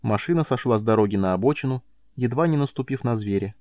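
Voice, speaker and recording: A man narrating a science fiction audiobook in a calm, measured way. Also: mid-range voice, no echo, clean studio sound. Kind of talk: scripted narration.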